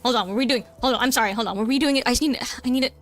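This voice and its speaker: A woman's voice: fairly high pitch, rapid-fire. A woman VTuber chatting casually while playing a game, flustered and chatty, tacking a cutesy "nya" onto her lines. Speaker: VTuber streamer. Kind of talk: casual gameplay streaming chat.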